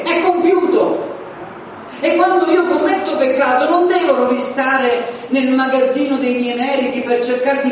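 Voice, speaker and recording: Male preacher: emphatic sermon with loud-soft swings, captured from afar in a long-reverb hall. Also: extremely high pitch, slight background noise. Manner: emphatic, swings between loud declarations and hushed asides. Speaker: pastor. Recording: echoey hall, distant mic, dull sound.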